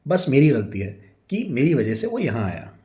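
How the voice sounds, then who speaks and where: A man's voice: mid-range voice, sing-song, normal speed, dark tone, natural voice. A man voicing a sly middle-aged husband who stammers through nervous excuses to his wife. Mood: defensive.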